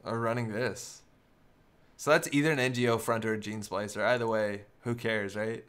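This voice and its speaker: A man's voice: lowish voice, steady tone, moderate pace, a bit bright, clear, resonant tone. Man thinking aloud over a card game. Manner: thinks aloud, working through plays step by step. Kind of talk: live casual game commentary.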